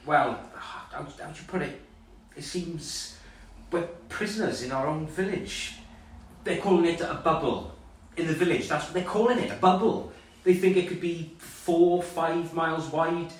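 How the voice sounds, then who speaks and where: An actor playing a frightened village taxi driver and father, radioing for help in a halting, stammering, pleading way. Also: on the high side. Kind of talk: audio drama acting. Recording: echoey, distant, faint noise.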